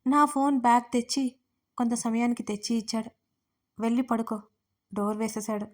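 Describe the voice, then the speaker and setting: Higher-voiced woman narrating an audio romance. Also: fairly quick. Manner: lively, emotional storytelling with acted dialogue. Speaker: writer and narrator of audio stories.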